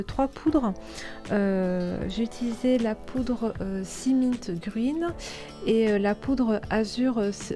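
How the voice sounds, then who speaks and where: A woman talks through a craft tutorial in a mellow, relaxed voice. She hesitates often and restarts her phrases as she explains. Soft music plays faintly under her voice. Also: mid-range voice. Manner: hesitant, many fillers and restarts. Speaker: scrapbooking tutorial host. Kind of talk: casual voice-over tutorial.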